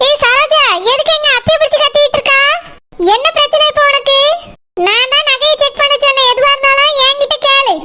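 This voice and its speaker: A woman voicing a shrill stern household matron. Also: level tone, brisk. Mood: scolding. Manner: scolding, firm. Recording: loud background noise.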